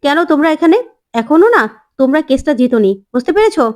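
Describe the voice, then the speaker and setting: A woman's voice: high voice, lively intonation, fast, a little mellow, pitched above the performer's own voice. A woman voicing a determined young mother fighting for custody of her daughter, speaking in an insistent, pleading way.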